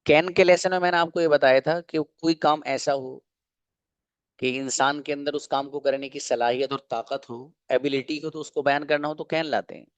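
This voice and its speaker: Male online English teacher with a slightly high voice, dry close sound, patient and repetitive. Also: fairly even intonation, no echo, highs cut off. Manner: explains patiently, repeats example sentences slowly. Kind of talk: online grammar lesson in Hindi.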